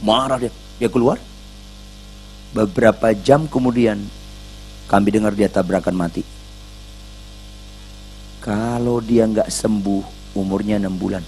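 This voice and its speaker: A man's voice: lowish voice, steady tone, unhurried, long pauses, a little mellow, soft background music. A male pastor preaching a sermon in a blunt, scolding, slangy manner, acting out the people in his stories.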